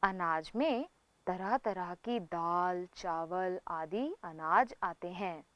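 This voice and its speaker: Slow, dry-voiced woman teaching syllables. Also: fairly low pitch, dry recording. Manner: sounds out each syllable, then says the whole word; repeats words for pupils to copy. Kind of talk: slow Hindi reading lesson for children.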